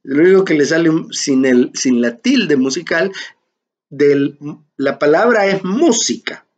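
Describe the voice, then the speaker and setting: A man teaching a music class in a slow, explanatory way, often checking in with his listeners. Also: on the high side, animated, darkish tone. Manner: slow, explanatory, repeats "¿verdad?" to check understanding. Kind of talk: online lecture. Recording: dull lo-fi sound.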